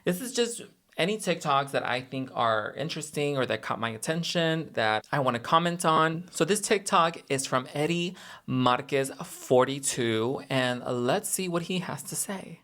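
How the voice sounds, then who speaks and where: A man's voice: fairly high pitch, lively intonation, moderate pace, fairly bright tone. A man hosting a reaction segment, talking in a casual, conversational way with emphatic opinions.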